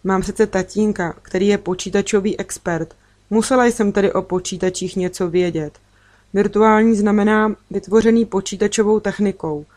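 Female audiobook reader, steady and earnest first-person storybook narration. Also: mid-range voice.

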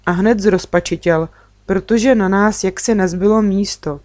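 A woman narrating a children's audiobook in the first person, with an even, storytelling delivery. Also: medium pitch, no echo. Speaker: audiobook reader.

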